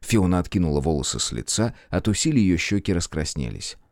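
Deep-voiced male audiobook narrator. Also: sing-song, brisk, a little mellow, no room sound, clean studio sound. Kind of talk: scripted narration.

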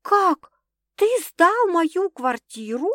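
A flustered, dramatic young woman bursts through this audiobook scene, her lines pitched high and pushed loud, as a woman reader takes her on. The sound is dry and close, with no room around it. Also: moderate pace, dry recording. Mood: indignant. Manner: excitable, exclaiming, higher and louder than narration.

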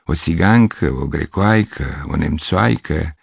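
A man reading an audiobook, voicing an old woman who runs a house of fortune, speaking quietly and without hurry. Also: extremely low pitch, animated, creaky, husky, no echo, studio quality, exaggerated voice. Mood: calm. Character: old fortune-house madam, calm and knowing.

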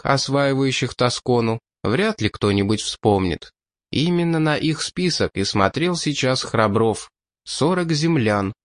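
A man narrates a science-fiction audiobook in a steady, measured voice. His pitch sits in an ordinary middle range. The recording is dry, with a close studio microphone. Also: no room sound.

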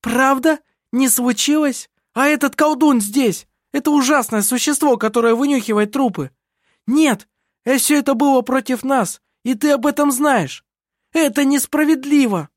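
A reader voicing an angry young woman who shouts accusations in an audiobook. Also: medium pitch, lively intonation, brisk, no room sound, clean studio sound, pitched above the performer's own voice, lightly acted. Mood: furious. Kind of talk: audiobook character voice.

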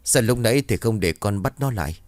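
An earnest young apprentice boy, voiced by a male narrator, higher and quick with concern. Dry, close sound. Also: lively intonation, darkish tone, dry recording, close to an everyday voice.

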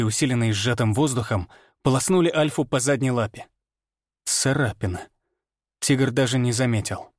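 Male audiobook narrator, measured first-person reading, dry sound. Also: medium pitch, no room sound.

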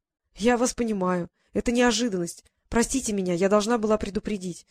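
A woman voicing a timid young woman in an audiobook, speaking gently and shyly. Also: mid-range voice, brisk, dry recording, clean studio sound, close to an everyday voice. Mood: pleading. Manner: gentle, shy and pleading. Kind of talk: audiobook character reading.

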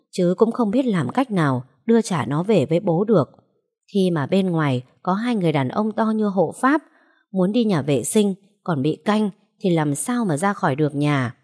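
Low-voiced woman narrating a story. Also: darkish tone.

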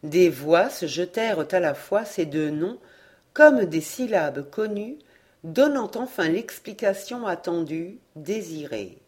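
A woman narrating a classic novel as an audiobook, reading in a measured, expressive way. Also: on the low side. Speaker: audiobook reader.

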